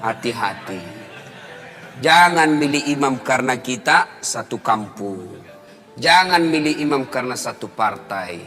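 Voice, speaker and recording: A male preacher telling funny stories in a sermon, animated and jumping to high shouts at the punchlines. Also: unhurried. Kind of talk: humorous sermon storytelling. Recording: long hall reverb, faint music.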